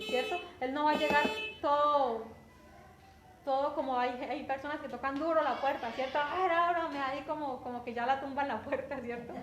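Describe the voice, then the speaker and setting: Predicadora con acento colombiano, habla cercana y repetitiva, ruido de fondo leve, reverberación de sala. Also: female voice, sits high. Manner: conversational, repeats words, often asks "¿cierto?". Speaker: preacher. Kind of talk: sermon. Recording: echoey room with faint background noise.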